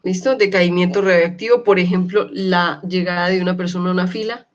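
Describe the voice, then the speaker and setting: A woman lecturer teaching an online class, often checking in with her students and slowly repeating key words. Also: fairly low pitch, steady tone, highs cut off. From Colombia. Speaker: university lecturer.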